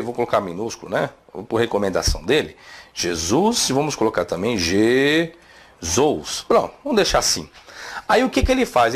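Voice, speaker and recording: Guy teaching theology, husky, keeps throwing rhetorical questions. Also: medium pitch. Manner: emphatic, posing rhetorical questions. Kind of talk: lecture rebutting a video.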